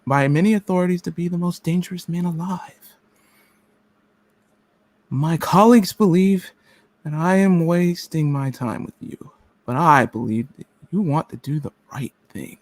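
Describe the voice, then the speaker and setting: A man acts out a cold, menacing government agent in a radio play. The voice is slightly high for a male and closely dry. The delivery is deliberate and formal, as in an interrogation. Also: darkish tone, dry recording, natural voice. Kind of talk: amateur radio play script reading.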